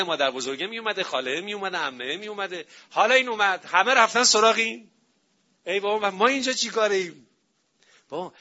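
A man giving an animated public talk on parenting and family, telling stories and acting out what people say. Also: sits high. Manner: animated storytelling, acting out quotes. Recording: dull lo-fi recording.

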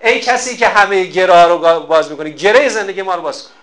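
Brief: preacher playing a weary, poor farmer, pleading and exasperated, high bright voice. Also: male voice. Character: poor, weary male farmer complaining to God.

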